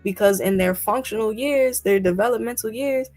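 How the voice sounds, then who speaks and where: A woman with a fairly high, slightly mellow voice co-hosts a podcast at a moderate pace, faint music in the background. The discussion is casual, but she speaks emphatically and fires off incredulous rhetorical questions.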